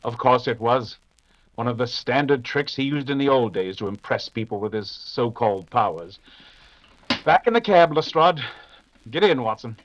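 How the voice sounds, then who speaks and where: A man playing Sherlock Holmes, a courteous, authoritative gentleman detective, in an old-time radio mystery style. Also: mid-range voice, expressive, close to an everyday voice. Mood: brisk, inquisitive. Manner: clipped, deliberate, polite, deductive. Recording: dull, noisy audio with clicks.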